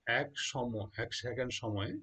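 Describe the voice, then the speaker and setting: This male teacher speaks at medium pitch, a little slowly, with a pushed, bright delivery and a breathy edge. While explaining the lesson to his students, he spells out words one letter at a time and poses questions he then answers himself.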